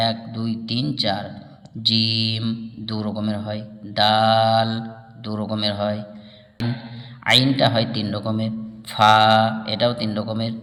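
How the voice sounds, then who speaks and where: A man's voice: fairly low pitch, vocal fry, fairly bright tone. A man teaching a beginners' reading lesson, patiently naming letters one by one and drawing out some of them in a chant. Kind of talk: slow step-by-step lesson. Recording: echoey room with long reverb.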